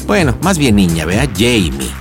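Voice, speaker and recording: A man's voice: lowish voice, wildly swooping pitch, moderate pace, over music. A man hosting a prank show, chatting casually with a caller in a teasing, playful, slangy way. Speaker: radio prank show host. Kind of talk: casual joking phone chat with caller.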